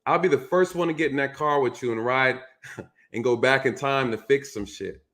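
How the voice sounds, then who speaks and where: At normal speed, in a mid-range voice with a fairly bright tone, a man runs a casual call-in show on a live stream. His delivery is emphatic and repetitive, like preaching.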